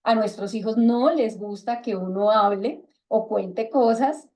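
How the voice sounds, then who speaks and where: A woman's voice: a little high, a little slow. A middle-aged woman with a Colombian accent leading a book club on a video call, talking casually and acting out bits of dialogue with a raised voice. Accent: Colombian Spanish. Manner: lively, acts out quoted dialogue in raised voice. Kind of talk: casual talk to a reading group.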